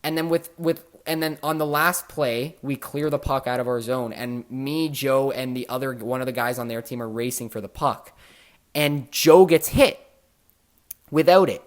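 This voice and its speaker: A man hosting a casual podcast, telling stories in an animated way and swearing often. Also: medium pitch, normal speed. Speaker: podcast host.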